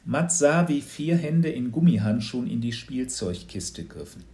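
Expressive man reading a storybook. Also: mid-range voice, measured pace. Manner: lively, expressive. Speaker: narrator.

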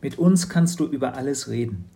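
A man's voice: medium pitch, brisk, gravelly, mellow, natural voice. A man voicing a caring, soothing mother in a children's audiobook.

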